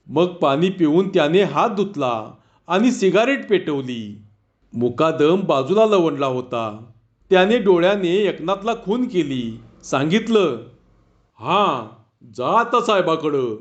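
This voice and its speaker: A man reading a rural short story aloud in a slow, deliberate storytelling manner. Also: a little high, very animated, highs cut off.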